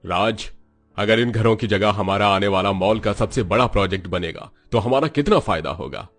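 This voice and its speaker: A man voicing a greedy, bossy rich builder and businessman in an animated story. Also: on the low side, normal speed, faint music behind. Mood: scheming.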